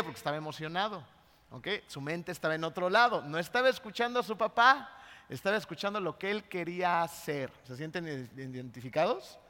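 A man with a Mexican accent preaching a sermon in a large church hall. He tells a personal story in a lively way and keeps checking in with the congregation. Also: sits high. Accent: Mexican Spanish. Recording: long hall reverb.

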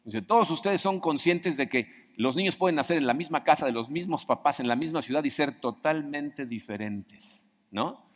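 A man's voice: fairly high pitch, expressive, normal speed. A man preaching a sermon in a conversational way, often asking his audience questions. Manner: conversational, asks the audience questions, acts out quoted voices. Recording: long hall reverb.

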